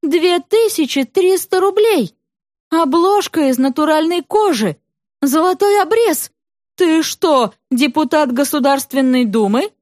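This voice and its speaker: A woman reading a story aloud and voicing an exasperated, frugal mother who complains loudly about a price. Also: high voice, big pitch swings, measured pace, no room sound, studio quality, pitched above the performer's own voice. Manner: exclaiming, exasperated. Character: exasperated, frugal mother counting every ruble.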